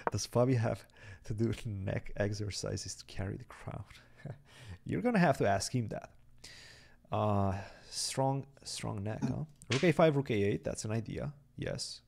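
Gravelly low-voiced male chess commentator. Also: lively intonation, slow pace, long pauses, a little mellow, slight background noise. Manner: chatty, thinks aloud over moves. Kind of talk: live-streamed chess commentary.

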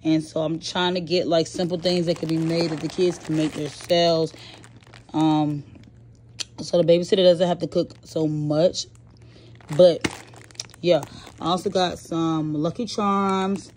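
A woman's voice: sits low, unhurried, a little hiss or hum. A young woman chatting casually while she shows off her groceries, filmed on a phone at home. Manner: relaxed, chatty listing of items with fillers. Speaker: vlogger showing a grocery haul. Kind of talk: casual chat. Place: indoors at home, off camera. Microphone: phone camera held while filming items.

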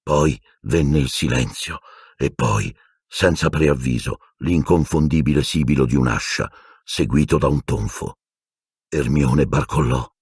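A man reading an audiobook with expressive storytelling. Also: a bass voice, a little slow, husky, no room sound, clean studio sound. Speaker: audiobook narrator.

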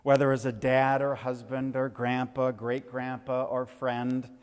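A man, a pastor, giving a funeral sermon and telling a gentle story to the children. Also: mid-range voice, flat delivery, measured pace, clear, resonant tone. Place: church sanctuary. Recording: reverberant church hall.

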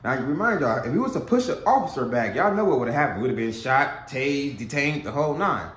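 A man's voice: medium pitch, animated, fast, a bit bright, echoey room. A young man vlogging in casual street slang, tagging "man" onto nearly every phrase. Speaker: YouTuber. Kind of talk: vlog intro and recording a confrontation.

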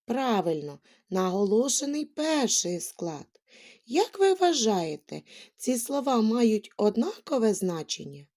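A woman teaching a lesson to small children, asking questions and reciting little rhymes in a drawn-out, sing-song way. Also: on the high side, very animated, darkish tone. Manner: questioning, drawn-out words, rhyming verses. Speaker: kindergarten teacher.

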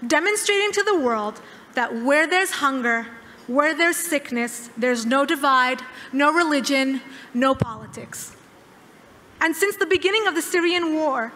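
A woman in her thirties giving a formal keynote speech at a podium, measured and emphatic with dramatic pauses. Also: high voice, sharp tone. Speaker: keynote speaker. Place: large dark hall, at a podium. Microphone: podium microphone. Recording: hall reverb.

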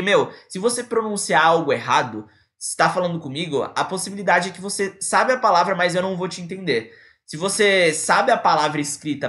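A young man teaches English live online, chatting casually in slang and dropping into English examples. His voice sits a little high and sounds bright and clear. He talks into a computer mic on a livestream.

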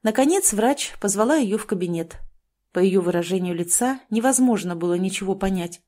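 A woman's voice: medium pitch, lively intonation, fairly quick, dark tone. A woman narrating a novel as an audiobook, telling the story expressively.

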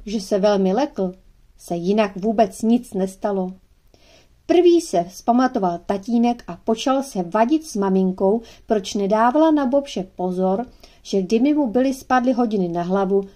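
A woman narrating a children's audiobook in a gentle, measured storytelling manner. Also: medium pitch.

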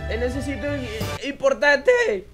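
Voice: high voice, very animated, unhurried, shouting, music in the background. A performer doing a nervous, stammering dad. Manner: hesitant, stammering with many fillers. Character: nervous, stammering father of a baby.

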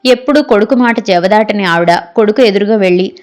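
A woman reads a novel aloud as an audiobook narrator, telling the story steadily at an even pitch. Faint music sits underneath her voice. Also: fairly quick.

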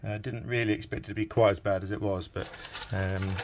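With a lowish voice that barely moves in pitch, a middle-aged radio restorer talks a little fast through a repair video. He's at a bench in a small indoor workshop, speaking informally and hesitantly as he thinks aloud.

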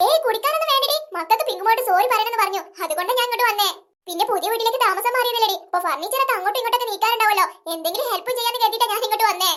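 Humble, apologetic cartoon mother with a softer, lower voice, as a woman voices her. She talks quickly and stays bright in tone. There is a gentle, pleading quality to her speech. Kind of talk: cartoon voice acting.

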